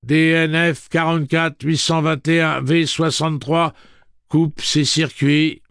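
A man voicing a male messenger robot that is powering down, reciting its shutdown message in a clipped monotone. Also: fairly high pitch, slow pace, vocal fry, smooth, no room sound, studio quality, pitched above the performer's own voice, exaggerated voice. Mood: mechanical. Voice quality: monotone, clipped machine delivery. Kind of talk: audiobook character voice.

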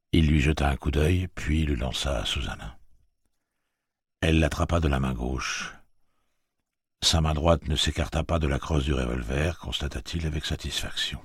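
A male audiobook narrator reading a novel in a measured, even way. His voice sits extremely low and is very husky. The sound is dry and close. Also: dry recording. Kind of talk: scripted narration.

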